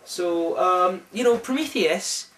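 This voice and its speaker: A young Scottish man reviewing a film in casual chat, enthusiastic and rambling with lots of restarts, recorded in a friend's flat. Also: high-pitched, slow pace, a little hiss or hum. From Scotland. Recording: roomy, mic at a distance.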